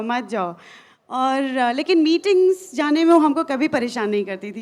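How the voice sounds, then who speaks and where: A woman speaking earnestly to an audience as a motivational speaker, pausing often with fillers and restarts. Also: high-pitched. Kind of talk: stage talk to an audience.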